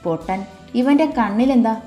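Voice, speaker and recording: A woman's voice: fairly high pitch, animated, moderate pace, lightly acted. A woman voicing a doting elderly mother who scolds affectionately and frets over her family. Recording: echoey room with soft music.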